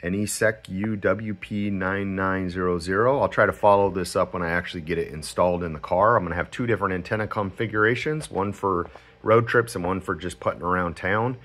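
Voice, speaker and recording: A man giving a casual, unscripted product demonstration as a radio hobbyist, talking in a halting, informal way. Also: sits low, fairly even intonation, fairly bright tone. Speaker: amateur radio hobbyist reviewer. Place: cluttered indoor radio room at home.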